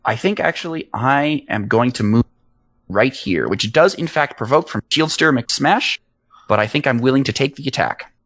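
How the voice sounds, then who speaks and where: A man acting as game master, calmly explaining rules and narrating a tabletop fight in an easygoing way. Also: medium pitch, normal speed, no echo. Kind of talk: running a tabletop game online.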